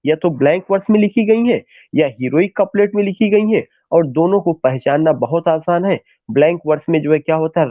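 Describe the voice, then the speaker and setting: A lecturer with a high-sitting voice teaches poetic metre, asking questions and answering them himself while mixing English terms into his talk. The sound is dry and tinny, like a phone line.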